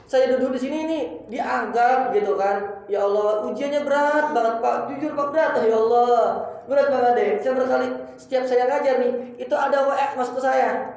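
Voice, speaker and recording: Echoey young ustadz, apologetic lecture. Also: male voice, very high-pitched, fairly even intonation, moderate pace, a little mellow. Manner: colloquial, apologetic, repeats phrases for emphasis. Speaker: ustadz teaching a religious study circle. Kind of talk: informal religious study lecture. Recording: very echoey room.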